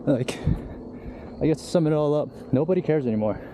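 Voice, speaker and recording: A man's voice: on the high side, animated, brisk. A young man talking loosely and candidly to his camera while hiking uphill, out of breath. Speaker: vlogger. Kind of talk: casual vlog talk while hiking. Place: outdoors on a hiking trail. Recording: outdoor recording with clear background noise.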